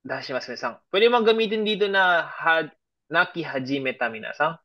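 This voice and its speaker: A man's voice: a little high, big pitch swings, fairly quick. A man teaching an online grammar lesson. He explains patiently, keeps checking that his students understand, and mixes English and example sentences into his talk. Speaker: Japanese language teacher. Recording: dull lo-fi audio.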